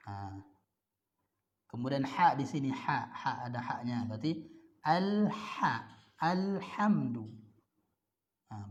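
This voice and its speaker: A man from Indonesia explains Arabic grammar to a class of students. His voice sits in an ordinary middle pitch, and he slows right down to spell out each example, dotting his talk with "ya" and "nah". The recording sounds a little dull and lo-fi. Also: darkish tone. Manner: slow, drawn-out example words, repeats points with "ya" and "nah". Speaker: Arabic teacher.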